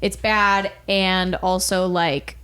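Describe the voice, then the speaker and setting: A woman's voice: on the low side, flat delivery, slow, fairly bright tone, clear, resonant tone. A young woman co-hosting a podcast, chatting casually and animatedly with many filler words. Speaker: podcast co-host. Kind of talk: casual chat.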